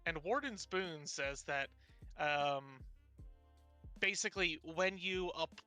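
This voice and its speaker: A man's voice: on the high side, bright, forceful tone. A man playing in a tabletop game, enthusiastically explaining his character's abilities in detail. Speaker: player.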